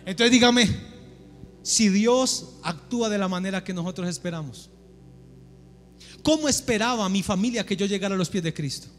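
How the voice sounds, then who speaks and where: A man's voice: high-pitched, moderate pace, long pauses, a little hiss or hum. A man preaching a sermon in a church, pressing his listeners with repeated rhetorical questions. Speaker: pastor. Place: church sanctuary. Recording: echoey church hall with music.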